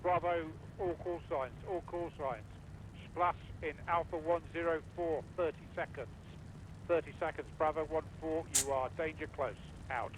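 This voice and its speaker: A man's voice: a little high, fairly even intonation. A man calling fire missions over radio. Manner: hesitant fillers between brisk call signs. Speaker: fire support radio operator in a multiplayer tank simulation. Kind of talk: clipped military radio procedure. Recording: radio voice over loud battle noise.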